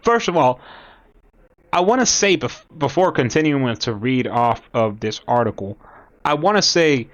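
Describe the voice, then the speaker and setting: Slow, halting Cuban-born man. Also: medium pitch, expressive, highs cut off. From Cuba. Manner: rambling, halting, reads aloud from an article. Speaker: commentator. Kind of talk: casual talk to camera.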